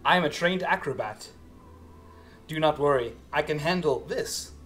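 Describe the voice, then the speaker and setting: A plucky court jester and acrobat from a video game, read out by a man in a fairly high voice. The delivery is stagy and measured, like rhymed lines performed for a crowd. Faint music plays behind. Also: fairly bright tone, natural voice. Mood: plucky, dramatic. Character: theatrical female jester acrobat, plucky and rhyming. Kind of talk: reading game dialogue aloud in character.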